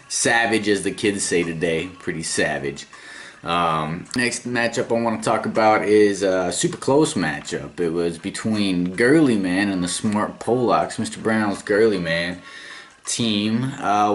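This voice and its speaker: Laid-back man recapping fantasy football. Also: lowish voice. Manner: laid-back, rambling with fillers and small chuckles. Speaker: fantasy football league commissioner and host. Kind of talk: casual recap chat.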